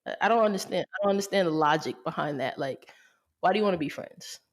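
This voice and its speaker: Low-voiced laid-back woman telling a story. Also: lively intonation, quick pace. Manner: laid-back, profane, acts out quoted lines. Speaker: podcast co-host. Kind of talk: casual chat, storytelling.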